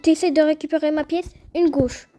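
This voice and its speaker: A young woman giving chatty, excitable gameplay commentary and talking straight to her viewers. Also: high-pitched, normal speed. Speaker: gaming youtuber.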